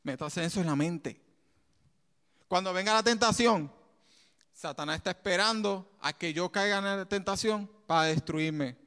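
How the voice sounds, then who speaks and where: A man preaches with a high, smooth and resonant voice. His delivery is animated, full of quick asides and laughter. The sound has the long reverb of a large hall. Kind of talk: sermon.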